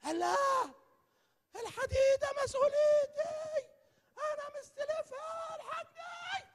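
A man's voice: very high voice, a little slow, pitched above the performer's own voice. A preacher acting out a desperate man who cries out and pleads for help. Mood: panicked pleading. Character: panicked man crying out for help. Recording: long hall reverb.

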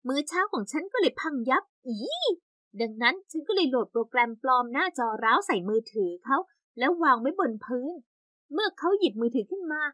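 A young woman narrating an animated story in the first person with lively, exaggerated storytelling. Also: high-pitched, brisk, no echo, studio quality.

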